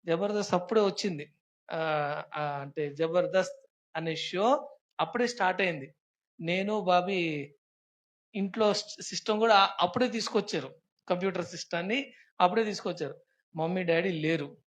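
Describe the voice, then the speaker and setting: A young adult preacher giving a Sunday sermon, constantly prompting the listeners with quick questions and slipping English phrases into the talk. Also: mid-range voice. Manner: peppers talk with rhetorical questions and prompts to the congregation. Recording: dull lo-fi church recording.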